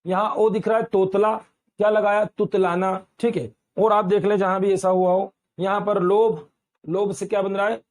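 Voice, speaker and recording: Man, high-pitched, from Uttar Pradesh, grammar lesson, asks and repeats questions, calls students beta. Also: flat delivery, normal speed. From Uttar Pradesh, India. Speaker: teacher. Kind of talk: Hindi grammar lecture.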